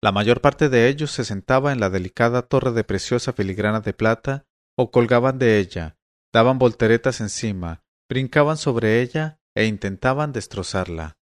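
A man narrating a fantasy novel aloud in a measured, expressive audiobook reading. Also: medium pitch, no echo, studio quality.

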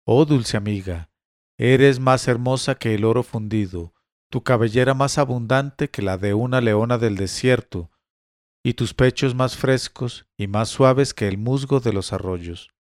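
A man's voice: medium pitch, a little slow, dry recording, natural voice. A man voicing a lovestruck young noble in a spoken story reading, with a dry close sound. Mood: ardent.

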